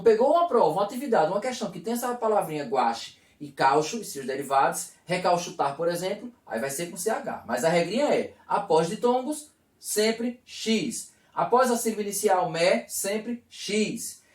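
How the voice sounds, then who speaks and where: Male teacher, lively voice, asks and answers his own questions, echoey room, recorded from a distance. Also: sits high, moderate pace. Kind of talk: video lesson.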